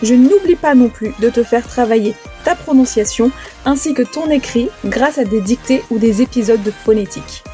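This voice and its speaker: Woman teacher doing her show intro, mellow warm tone, a bit high, faint music behind. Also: normal speed. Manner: clear, polished delivery over an intro jingle. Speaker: French teacher and podcast host. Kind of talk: scripted podcast intro. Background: music bed.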